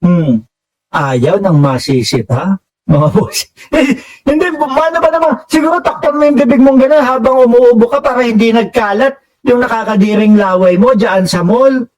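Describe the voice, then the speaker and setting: A man's voice: sits high, animated, normal speed, darkish tone, recorded from a distance, low-quality recording. A Filipino man doing casual political commentary for his viewers, reading out comments and mocking with frequent laughs. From Philippines. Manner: mocking, laughs often, addresses viewers as bossing.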